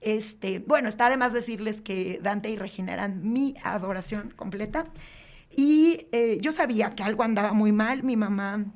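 A woman, a guest in an interview, telling a personal story in an earnest, halting way with many fillers and often dropping to a quiet, subdued voice. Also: mid-range voice. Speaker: podcast guest.

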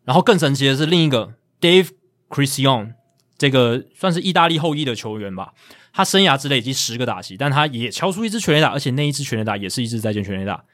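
A man's voice: medium pitch, animated, fast, fairly bright tone. A man with a Taiwanese Mandarin accent, hosting a casual sports chat and reading out statistics with asides. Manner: reads out stats, explains, with asides. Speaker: podcast host.

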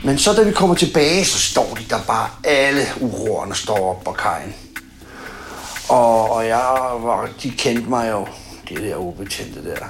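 A man's voice: mid-range voice, fairly bright tone, slight background noise. A man telling a rambling, slangy anecdote in a casual way. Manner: rambling, chatty, with crude slang. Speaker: storyteller.

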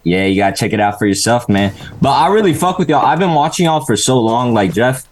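A man's voice: mid-range voice, animated, quick pace. A young man talking like a frat bro, casual, slangy and full of swearing, as a caller on a talk show. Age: young adult. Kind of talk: casual chat.

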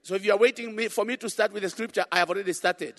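A man's voice: sits high, steady tone, racing. A middle-aged or older man preaching a conference sermon, emphatic and repeating phrases for effect, in a large echoing hall. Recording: echoing hall with long reverb.

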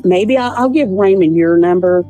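A woman speaking in a casual interview, weary and halting. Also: on the low side, mellow, soft background music. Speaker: mother of the accused family.

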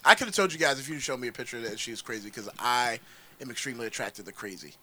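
A man's voice: medium pitch, fast, a little hiss or hum. A man joking and ranting in a casual podcast chat. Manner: excitable, jokey, rants. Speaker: podcast co-host.

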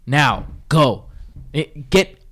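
A man's voice: fairly high pitch, very animated, extremely slow. A man giving casual sports analysis as a podcast panelist, with emphatic, slangy frat-bro phrasing and some swearing.

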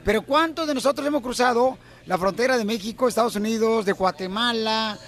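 A man hosting a comedic radio show, joking fast and calling his listeners paisanos. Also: very high voice, a bit bright.

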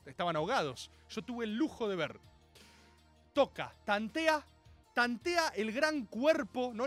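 A young man with a Rioplatense Argentine accent tells a stand-up story with mock-solemn grandeur, now and then shouting out the voices of the people in it. His voice sits very high for a man and climbs and falls in wide, lively swings. Faint music plays behind him. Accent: Rioplatense Spanish. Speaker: comedian.

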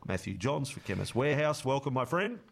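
Animated Australian male radio host. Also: mid-range voice, fairly quick, vocal fry, slight background noise. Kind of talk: casual radio chat.

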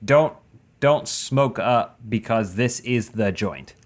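Male co-host, middle pitch, opinionated and analytical. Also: animated, takes it slowly. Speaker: podcast co-host. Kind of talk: casual chat.

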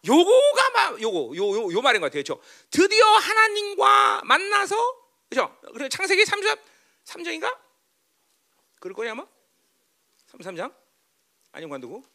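A pastor preaching a sermon, swinging from quiet, chatty asides to loud, tearful preaching, and often asking his listeners whether they agree. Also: very high-pitched. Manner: keeps asking the listeners "right?". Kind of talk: sermon with banter to the congregation.

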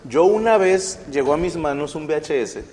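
A Mexican man co-hosting a podcast, telling crude, joking stories in an animated voice. His pitch swings widely, and the sound has a long reverb. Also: normal speed. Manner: crude, storytelling, mimics Spanish accent. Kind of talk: casual podcast chat.

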